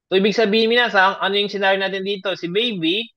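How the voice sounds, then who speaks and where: A man's voice: sits high, steady tone, quick pace. A man with a slightly raised voice teaches a grammar lesson, walking through example sentences step by step. He keeps checking whether his class is following. The sound is dull and lo-fi. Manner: patient, keeps checking understanding; mixes English and Japanese examples into his explanations. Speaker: Japanese language teacher. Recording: dull lo-fi audio.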